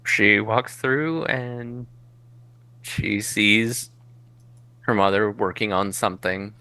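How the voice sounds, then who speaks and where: Low, bright-voiced man narrating. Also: takes it slowly, smooth, dry recording. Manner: relaxed, descriptive, thinks aloud. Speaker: game master. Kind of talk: narrating a tabletop game.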